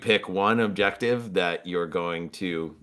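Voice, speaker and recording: A man's voice: deep voice, slow, fairly bright tone, clean tone. A man on a podcast, methodically recapping his tabletop games in detail. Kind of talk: casual chat.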